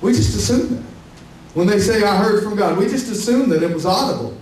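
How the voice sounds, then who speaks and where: High-voiced man preaching in an echoey hall. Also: animated, a little fast, darkish tone. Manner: high-pitched, preaching with rising emphasis and call-outs to the church. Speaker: pastor. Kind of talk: sermon. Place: large church hall. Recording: echoey church hall from far off, faint hiss.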